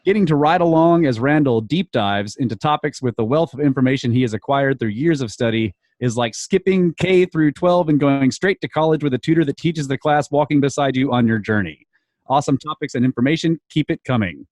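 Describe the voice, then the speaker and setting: A man's voice: medium pitch, a little fast, a little mellow, dry recording. A man co-hosting a podcast, upbeat, chatting casually and laughing easily. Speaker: podcast co-host.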